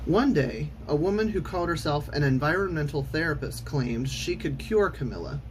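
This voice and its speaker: A man reading a children's storybook aloud in an expressive, theatrical way with clear enunciation. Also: on the high side, moderate pace, a little hiss or hum, poor audio. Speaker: storytime reader.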